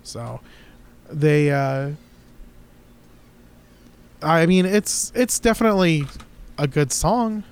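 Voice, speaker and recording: A man's voice: a little high, animated, takes it slowly, pauses often, smooth. A man co-hosting a casual guitar podcast, talking in a rambling, opinionated way with many restarts. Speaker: podcast co-host. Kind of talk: casual chat.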